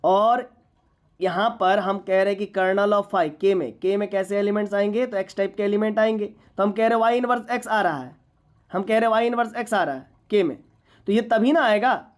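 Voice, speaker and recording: A woman's voice: mid-range voice, normal speed. A woman teaching a university maths class, lecturing patiently and often asking whether students follow. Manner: patient, checks understanding often.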